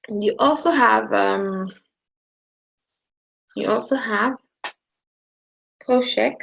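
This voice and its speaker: Unhurried woman teacher with a creaky voice who keeps asking "okay?", teaching maths online over muffled audio. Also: on the high side, fairly bright tone. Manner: hesitant, checks in with "okay?" often.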